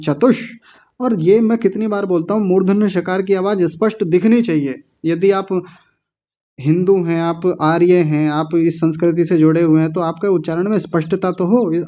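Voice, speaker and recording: A man's voice: sits high, warm tone. A man teaching Sanskrit in an online class, sternly correcting his students and breaking words into syllables. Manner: stern, scolding students, drilling pronunciation syllable by syllable. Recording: dull lo-fi audio.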